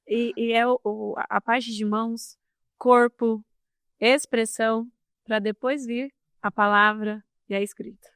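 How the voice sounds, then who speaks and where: Expressive woman, bright clear voice. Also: on the high side, slow, long pauses, no echo, clean studio sound. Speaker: podcast guest, communication specialist. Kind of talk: casual conversational podcast.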